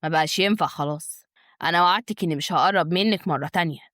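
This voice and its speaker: A woman putting on a stern, low-voiced Egyptian husband. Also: racing, bright, forceful tone, no echo, studio quality. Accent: Egyptian Arabic. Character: stern, tense young husband.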